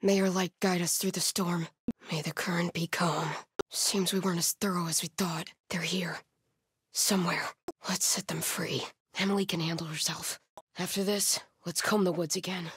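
In dry, studio-quality audio, an actress with a lowish, husky voice speaks at a moderate pace and a steady tone. She plays a grim, devout female cult soldier in a video game, stern and zealous, delivering combat voice lines. Her solemn delivery swings from hushed muttering to shouted alarms, with a grim, hushed mood.

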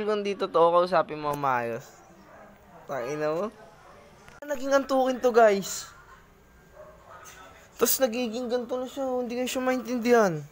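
A woman chatting in a casual vlog with friends. She teases and pesters with the same questions again and again, swearing freely. Her voice sits at a middle pitch. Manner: teasing, swearing, badgering with repeated questions. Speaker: vlogger pranking friends. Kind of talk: casual group vlog banter.

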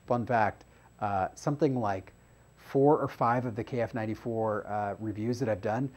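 A man's voice: medium pitch, a little mellow, poor audio. A man hosting a casual review show, explaining test results as he goes with frequent fillers. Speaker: host reviewing face masks.

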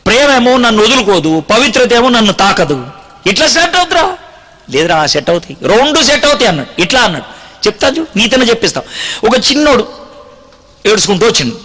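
High bright guy preaching, acts out all the voices, goes from yelling to hushed, big echoey hall. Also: very animated, quick pace. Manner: acts out dialogue, swings from shouting to hushed. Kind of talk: storytelling sermon.

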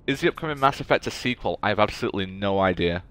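A man's voice: fairly low pitch, expressive, rapid-fire, fairly bright tone, slight background noise. A man giving casual live commentary on a game playthrough, playful and rambling as he chats with viewers. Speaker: game streamer.

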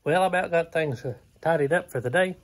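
A slightly high-voiced man in his thirties with a drawl, easygoing and plainspoken as he narrates his chores. He fills pauses with "uh" and keeps a relaxed homestead-vlog pace, speaking into a phone camera held at arm's length in an open wooden barn. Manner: easygoing, plainspoken, many "uh" fillers. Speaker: homesteader vlogger. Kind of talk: casual walkthrough narration.

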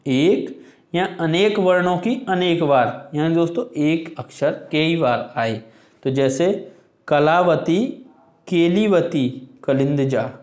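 A man teaching an exam-prep Hindi grammar lesson, explaining patiently and reading examples aloud slowly. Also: fairly high pitch, expressive, darkish tone, roomy sound. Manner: explains slowly, addresses viewers as friends, reads examples aloud.

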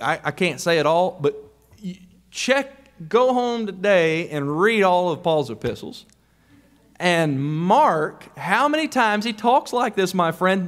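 High-voiced man preaching a sermon. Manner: emphatic, rising to raised questions.

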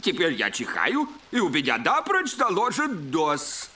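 A man's voice: a little high, huge pitch swings, measured pace, heavy background noise. A man voicing a grumpy, self-pitying cartoon fairy king with a cold, plaintive and stuffy-nosed. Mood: grumbling, self-pitying. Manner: grumbling, plaintive. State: stuffy nose. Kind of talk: animated cartoon dub.

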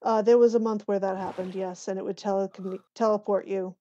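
A woman's voice: medium pitch, fairly even intonation, fairly quick, dark tone, dull audio. Easygoing woman chatting over a game. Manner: easygoing, laughs along. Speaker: co-host player. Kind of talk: casual gameplay chat. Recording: faint background noise.

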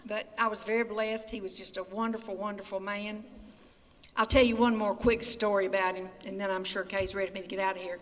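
This older woman talks briskly with a flat delivery in a mid-range, slightly bright voice, laughing through chatty, folksy stories as an interviewee. The recording comes from far away in an echoey community hall, with slight background noise.

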